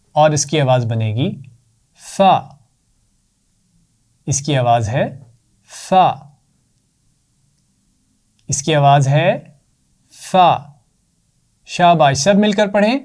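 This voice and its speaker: A male teacher with a Pakistani accent giving a children's lesson, slowly drawing out each sound and praising often. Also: on the high side, animated, darkish tone. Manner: slow, drawn-out repetition with praise.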